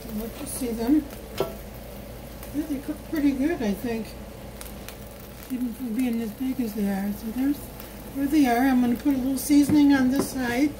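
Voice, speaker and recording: A woman's voice: high voice, moderate pace, long pauses, noisy background. A woman talking viewers through her home cooking in a homey, chatty way, recorded on a phone in her kitchen. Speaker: home cook vlogger. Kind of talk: casual cook-along narration. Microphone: phone camera held while cooking.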